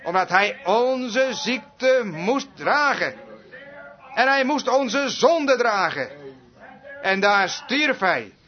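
A man preaching a sermon, fervent and emphatic, stretching some phrases out slowly, on a dull lo-fi recording. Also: very high voice, very animated.

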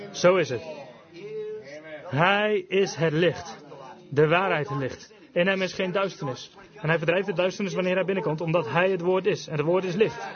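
A man preaching a fervent revival sermon, emphatic, switching between quick bursts and slow, drawn-out phrases. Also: sits high. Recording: dull lo-fi recording with congregation audible.

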